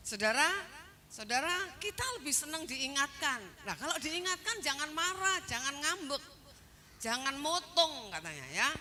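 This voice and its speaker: A woman pastor delivering an interactive sermon, questioning her congregation in a slow, emphatic way. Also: sits high, pushed and bright, a little hiss or hum.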